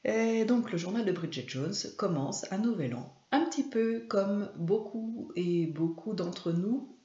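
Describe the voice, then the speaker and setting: Slow, hesitant woman in an echoey room. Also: medium pitch, lively intonation, dark tone. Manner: hesitant, with frequent fillers and pauses. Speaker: video host and trainer. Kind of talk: casual film commentary to camera. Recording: echoey room, slightly dull sound.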